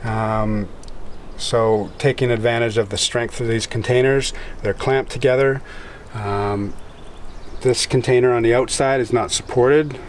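A middle-aged man giving a casual tour of his container cabin, relaxed and hesitant with fillers. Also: medium pitch, measured pace, echoey room, slight background noise. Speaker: container home builder. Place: outdoors on a hilltop and inside a container cabin.

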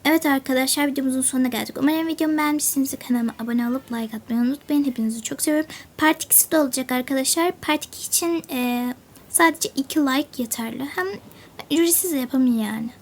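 A woman's voice: high-pitched, quick pace. A woman narrating her own toy game role-play in a chatty way, talking to herself as she plays. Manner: chatty, talks to herself while playing.

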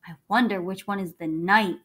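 A woman's voice: mid-range voice, normal speed, a bit bright, natural voice. A woman reading aloud, voicing a cautious, protective young boy in a storybook. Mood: awed.

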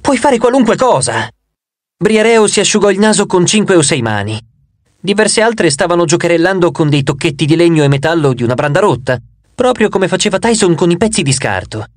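A man narrating an audiobook in the first person, expressive with a wry touch. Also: high voice, fairly quick, dry recording.

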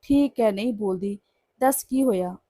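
Woman doing an auntie hushing her niece at night, soft and hurried, mellow, dry close sound. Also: medium pitch, no room sound, close to an everyday voice. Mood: hushed.

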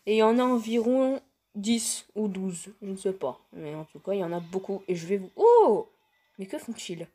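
A woman's voice: medium pitch, steady tone, fairly quick, darkish tone, breathy edge. A playful young woman giving casual gameplay commentary, talking to the game characters and breaking into squeals and laughs. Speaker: gaming youtuber.

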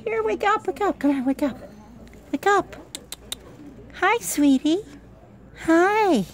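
A woman filming with a handheld phone in a pet store, softly coaxing puppies with repetitive baby talk. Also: very high voice, lively intonation, slow.

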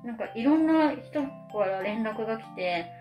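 A woman's voice: a little high, lively intonation, moderate pace, muffled recording. A young woman leading a casual chat and telling stories as host. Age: young adult. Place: small furnished room indoors, on a sofa. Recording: roomy echo, faint music behind.

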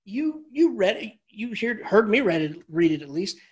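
A man lecturing as an English professor in an informal, animated way, often restarting sentences and chuckling through his asides. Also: high voice, moderate pace.

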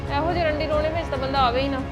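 A woman playing a hot-tempered young sister-in-law home from college, speaking in a sharp, indignant, complaining way. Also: high-pitched, fairly even intonation, rapid-fire, a loud crowd, lightly acted. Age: young adult. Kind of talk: short film acting. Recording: acted scene with music behind. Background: music.

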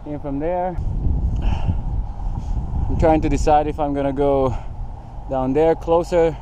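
A man in his forties narrating a casual bike-ride vlog outdoors, thinking aloud in a relaxed running commentary, recorded on a bike-mounted action camera. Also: fairly high pitch, slow. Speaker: cycling vlogger. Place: outdoors on a coastal road by bike. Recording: muffled action-camera audio with wind and traffic noise.

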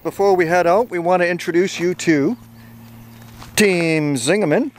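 This geocaching vlogger, a Canadian in his forties, has a high-pitched voice and talks at normal speed with slight background noise. He offers casual, upbeat commentary full of laughter, filming himself handheld at arm's length across a bridge and along wooded summer trails.

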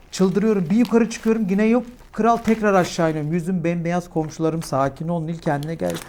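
A young woman vlogging at home while she eats, telling her story with animated, dramatic energy and a clip-on mic. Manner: animated, dramatic storytelling that climbs in pitch when agitated. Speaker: mukbang vlogger. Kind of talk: casual chat while eating.

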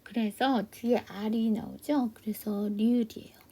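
Husky, gravelly woman teaching phonics. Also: fairly high pitch, steady tone, unhurried. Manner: patient step-by-step drilling, asks and answers own questions; drops into soft half-whispers on explanations. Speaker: English teacher. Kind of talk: online phonics lesson. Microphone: computer mic for a video class.

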